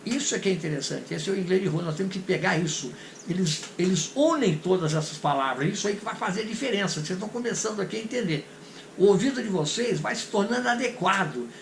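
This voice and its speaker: A man whose first language is Portuguese teaches English pronunciation in a fairly high, gravelly voice. He explains patiently and repeats sample phrases slowly. The room is echoey, with a faint hiss behind him. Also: fairly bright tone. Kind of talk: recorded English pronunciation lesson.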